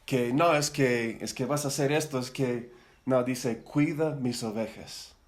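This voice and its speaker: Unhurried and mid-range in pitch, this middle-aged man teaches church leaders from the Bible in Spanish, which isn't his first language. He rambles casually, repeats words often, and keeps asking listeners to agree with tag questions.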